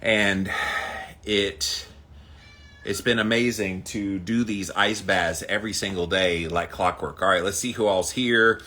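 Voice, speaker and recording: A deep, unhurried male voice with fairly even intonation and a bright, forceful tone hosts a daily ice bath challenge livestream, with slight background noise. He chats casually, greeting viewers by name in an emphatic, punchy manner.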